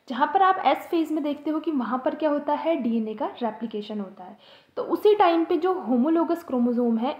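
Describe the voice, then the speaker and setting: A woman teaching a biology lesson for exam students, asking rhetorical questions and checking in with her listeners often. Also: a little high. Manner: explains with rhetorical questions, checks in with "theek hai". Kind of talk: exam-prep biology lecture. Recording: echoey room, dull lo-fi sound.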